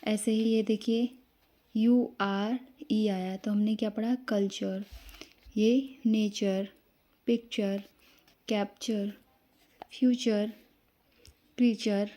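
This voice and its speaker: A woman teaching English pronunciation in a slow, explanatory lesson, spelling out letters one by one and answering her own questions. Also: medium pitch, fairly even intonation, warm tone. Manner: asks the class questions, then answers them.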